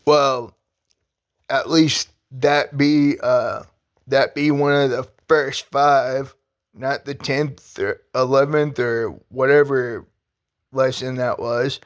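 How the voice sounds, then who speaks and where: A man talking casually on his own vlog, halting and rambling with many restarts, earnest and heartfelt. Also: medium pitch, fairly even intonation, smooth. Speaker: vlogger. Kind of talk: casual personal vlog talk.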